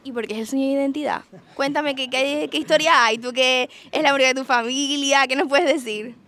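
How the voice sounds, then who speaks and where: A woman reporter with a high, bright voice runs a playful interview. She teases her guests and jokes as she goes. Her tone is quick to laugh. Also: fairly even intonation. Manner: teasing, jokey, laughs often. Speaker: TV reporter interviewing carnival group members.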